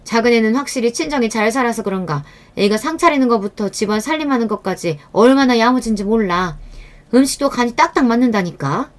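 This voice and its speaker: A woman's voice: fairly high pitch, expressive, fast, lightly acted. A woman doing a scolding old mother-in-law. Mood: scolding, scornful. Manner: scolding, contemptuous. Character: older nagging mother-in-law, scornful and sharp-tongued.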